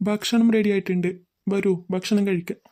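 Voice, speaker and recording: A woman's voice: mid-range voice, fairly even intonation, moderate pace, warm tone, lightly acted. A woman voicing a polite, formal waiter on a boat in a cartoon.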